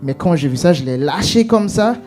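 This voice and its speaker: A man giving an emotional personal testimony, halting with many restarts and fillers, acting out what was said. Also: on the high side, animated, a little mellow, faint music behind.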